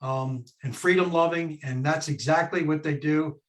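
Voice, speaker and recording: A man hosting a conversation over a video call, speaking in a measured way with frequent "uh" and "um". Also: on the high side, a bit bright. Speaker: host. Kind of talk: hosted conversation.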